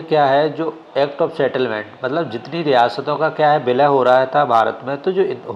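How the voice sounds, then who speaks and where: A man's voice: mid-range voice, muffled recording, a little hiss or hum. A male exam coaching teacher giving a classroom lecture. He keeps asking questions and answering them himself, often checking with "ठीक है?".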